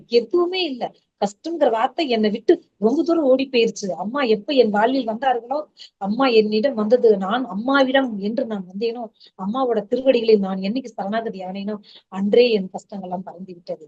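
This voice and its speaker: A woman's voice: medium pitch, a little mellow, slightly rough. A middle-aged woman giving an earnest, fervent spoken testimony, her voice rising with feeling. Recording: dull lo-fi sound.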